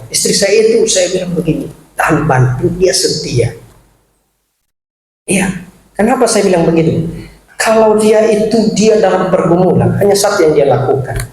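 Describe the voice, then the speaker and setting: Man preaching in a big echoey church, kinda high voice, chatty and lively, faint hiss behind. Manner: animated, chatty preaching with laughs and asides to the congregation. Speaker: pastor. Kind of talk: sermon. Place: large echoey church hall.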